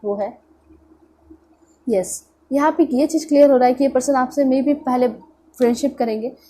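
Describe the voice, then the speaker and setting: A tarot reader with an Indian accent gives an informal reading at a moderate pace, her high voice carrying a dark tone. A cold leaves her congested and pinched-nosed, and she keeps mixing in English words and repeating phrases to check in.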